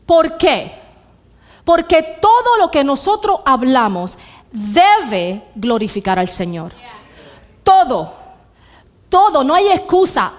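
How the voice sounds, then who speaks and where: A woman with a Puerto Rican accent preaching a church sermon, asking the congregation rhetorical questions and repeating her key lines. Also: sits high. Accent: Puerto Rican Spanish. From Puerto Rico.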